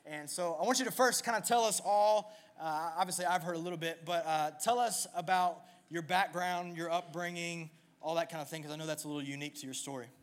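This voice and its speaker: A man's voice: a little high, fairly quick, few pauses. A man hosting an on-stage interview at a church service, upbeat and joking in a casual way. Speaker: church youth service host.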